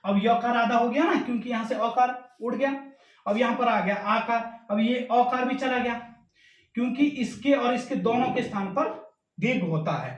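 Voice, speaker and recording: High-voiced man teaching in an echoey room. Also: distant mic. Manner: asks and answers his own questions; recites rules slowly, syllable by syllable. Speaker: Sanskrit grammar teacher. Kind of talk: explanatory grammar lesson. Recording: echoey room, voice away from the mic.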